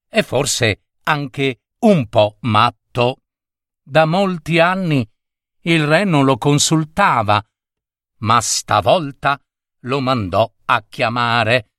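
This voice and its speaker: A man reading a fairy tale aloud as a storyteller, in a slow, expressive scripted narration. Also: medium pitch, no echo, studio quality.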